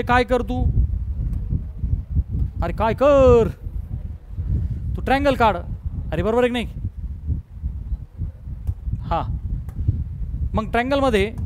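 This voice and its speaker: A man with a Marathi accent teaching a math class, coaxing students and checking again and again whether they follow. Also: very high-pitched. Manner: coaxing, repeatedly checks understanding. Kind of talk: classroom lecture. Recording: noisy classroom recording.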